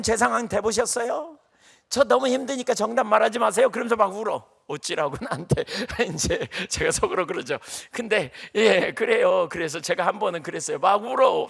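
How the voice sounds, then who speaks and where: A man's voice: fairly high pitch, vocal fry, a bit bright. A middle-aged male pastor preaching a sermon, telling stories animatedly and acting out the voices of the people he counsels.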